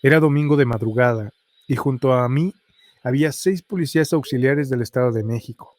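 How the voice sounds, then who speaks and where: A man reading horror stories aloud as a scripted narration, in an even, measured way. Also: mid-range voice, dry recording. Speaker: storyteller.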